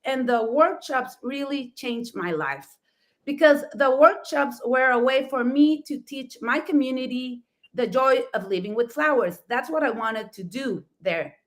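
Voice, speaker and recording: This talk show co-host, a middle-aged florist from Mexico, has a high voice with lively intonation and a measured pace. Her native tongue is Spanish and her accent Mexican; as she tells her story she laughs a lot, stays enthusiastic, and often restates things with "I mean."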